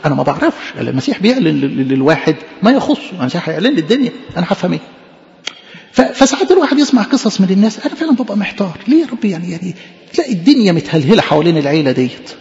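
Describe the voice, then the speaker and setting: A man's voice: sits high, sing-song, racing, gravelly, a little mellow, in a large hall, highs cut off. A man preaching a fervent sermon as a priest, emphatic and repeating phrases for stress, with an Egyptian accent. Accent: Egyptian Arabic.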